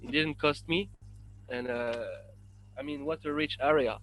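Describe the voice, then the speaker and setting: A man from France with a French accent, a guest on a podcast interview, talking in a halting way full of fillers and restarts. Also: on the high side, fairly bright tone, a little hiss or hum, rough recording. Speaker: guest, independent researcher.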